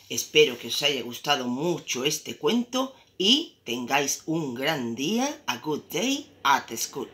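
A young woman teacher, telling a story slowly to small children, switching between two languages and repeating words. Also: low voice. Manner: slow, animated, sing-song reading with repetitions.

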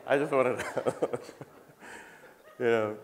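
A man's voice: mid-range voice, steady tone, slow, slight background noise. A man in his fifties doing a wry, conversational comic talk on a theater stage, teasing the audience and laughing at his own jokes. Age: 50s. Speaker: comedian and cultural commentator. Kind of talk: stand-up style talk on stage. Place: large theater stage before a live audience.

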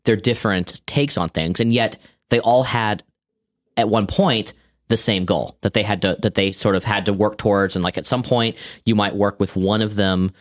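Low-voiced rambling podcast co-host, male. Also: steady tone, moderate pace. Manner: rambling, frequent restarts and fillers. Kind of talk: casual gaming podcast chat.

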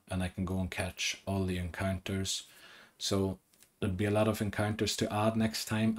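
Deep, monotone male let's-play commentator; calm, analytical, voice wearing thin. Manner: calm, analytical and low-key. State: losing his voice. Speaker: gaming commentator.

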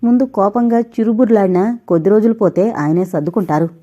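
Woman reading as a gently advising older brother. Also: medium pitch, fairly quick, lightly acted. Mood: sorrowful. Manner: gentle, sorrowful advice. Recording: dull lo-fi recording.

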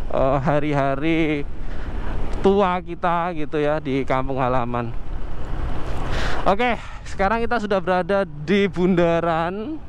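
A young man, chatting casually to viewers as he rides a motorcycle through heavy traffic. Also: on the high side. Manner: chatty, addresses viewers warmly as friends. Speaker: motovlogger. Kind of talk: casual narration while riding. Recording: faint traffic noise behind.

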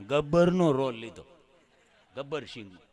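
A male folk comedian, telling jokes on stage in a lively way and acting out the people in his stories. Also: medium pitch, normal speed. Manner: lively storytelling, acting out quoted characters in shifting voices. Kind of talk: live stage joke telling.

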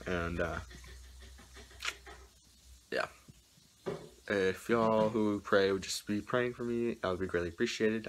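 A man's voice: low-pitched, fairly bright tone. A young man chatting casually to camera as a vlog host, recorded at arm's length in a room at home. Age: young adult. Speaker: video host. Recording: noisy room ambience.

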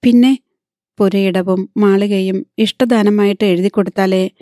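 A man's voice: high voice, steady tone, a little slow, mellow, no echo, clean studio sound. A woman voicing a deferential middle-aged male marriage broker in an audiobook. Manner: deferential, reporting to his boss.

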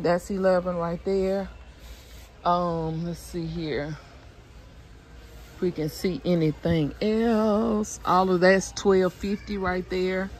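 A woman's voice: lowish voice, darkish tone, slight background noise. A woman narrating casually while walking through a store, reading out prices with many ums, recorded on a handheld phone. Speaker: shopping vlogger. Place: indoors in a large store aisle. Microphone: handheld phone camera.

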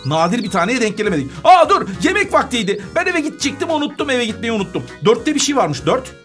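A woman narrates her gameplay for young viewers in a chatty, playful way, breaking into sing-song tunes. Her pitch leaps around, swooping up and down through every sentence, with soft music playing underneath. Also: big pitch swings, fast talker. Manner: chatty and playful, sings little tunes and giggles. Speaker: kids' gaming channel host. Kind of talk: playful game commentary for children.

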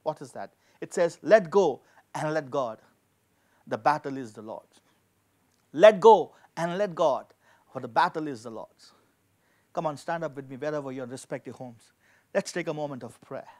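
With a voice on the high side, animated and a little mellow, a man in his forties preaches at a moderate pace, pausing often. As a pastor he speaks emphatically and repeats key phrases for effect during a sermon with scripture reading and prayer. He uses a handheld microphone at a lectern in an indoor studio with a dark backdrop.

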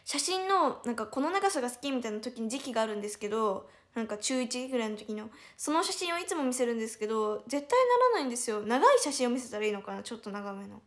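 A high-voiced young woman speaks with a Hiroshima lilt. She hosts a relaxed livestream and chats and giggles as she reads out and answers viewers' comments. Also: quick pace, hardly any pauses. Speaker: idol livestreamer. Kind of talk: casual livestream chat reading viewer comments.

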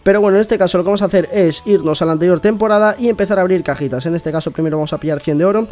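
A young man, chatting excitedly to viewers while opening game rewards. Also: sits high, racing. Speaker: gaming YouTuber. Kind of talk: casual gameplay commentary.

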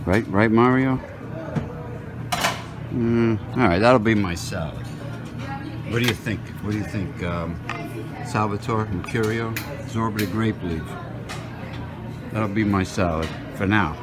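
Casting note: man, lowish voice, chatty phone vlog at a buffet, background music. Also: a little slow, long pauses. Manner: chatty, muttering to himself while choosing food. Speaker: vlogger. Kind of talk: casual walk-through commentary. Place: indoor restaurant buffet. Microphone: handheld phone.

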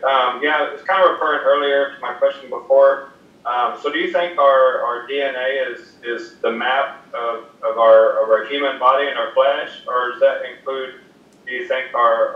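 A man calling in over a video call with a breaking-up connection, asking a question in a halting, hesitant way with many restarts. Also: mid-range voice. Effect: heard over a video call with a breaking-up connection. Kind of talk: Bible study Q&A. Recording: echoey, distant, muffled call audio.

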